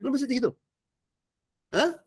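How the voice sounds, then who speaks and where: A male pastor teaches a discipleship class in a casual, animated sermon, often quizzing his listeners. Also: extremely high pitch, unhurried, breathy edge. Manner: casual slangy preaching, quizzing the audience, animated swings between loud and soft.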